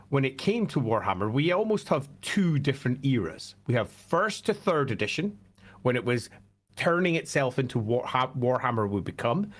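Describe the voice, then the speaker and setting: A man hosts a discussion explaining fan topics, speaking casually and emphatically. His mid-range voice is slightly croaky and hoarse.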